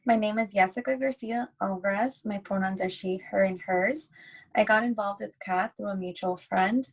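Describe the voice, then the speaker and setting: A woman, a program participant, gives a thoughtful, somewhat halting self-introduction. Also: medium pitch, rough recording.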